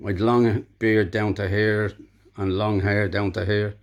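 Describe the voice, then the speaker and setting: Gravelly old Dublin man telling a story. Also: on the low side, level tone, unhurried. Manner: plain-spoken, conversational, reflective. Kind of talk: spoken true-life storytelling.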